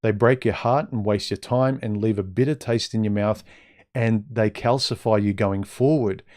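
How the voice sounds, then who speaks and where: A man with a fairly low voice delivers an opinionated, off-the-cuff livestream monologue. His speech sounds slightly muffled and impeded, as though he is wearing a mouthguard. He is blunt and conversational, addressing his listeners directly. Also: steady tone, normal speed, darkish tone. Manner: blunt, conversational, rhetorical questions. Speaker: livestream host giving dating advice. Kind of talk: casual opinionated monologue to live chat.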